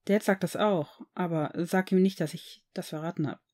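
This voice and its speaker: A woman's voice: on the low side, normal speed, mellow, lightly acted. A shy, easily flustered teenage boy who stammers when caught off guard, read by a woman. He talks hesitantly, in a plain audiobook reading.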